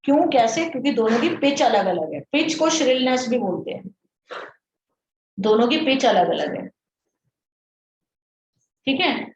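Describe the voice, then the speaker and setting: A woman's voice: on the high side, big pitch swings, unhurried, long pauses. A woman teaching a science lesson, explaining step by step and often checking that her students understand. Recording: dull roomy recording with faint noise.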